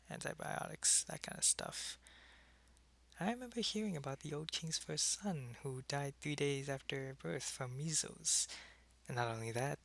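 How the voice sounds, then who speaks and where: In an intimate ASMR roleplay, a man plays a wistful, friendly vampire centuries old, talking softly and casually and often drifting into a whisper. His voice is fairly high-pitched and creaky.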